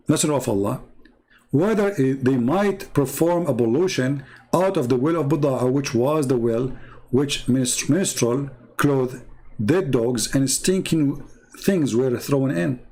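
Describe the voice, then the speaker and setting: Brief: male stream host, debate monologue, scornful and combative, slightly high voice, non-native English phrasing. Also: darkish tone. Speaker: online religious debate host. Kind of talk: live-stream debate monologue reading viewer comments.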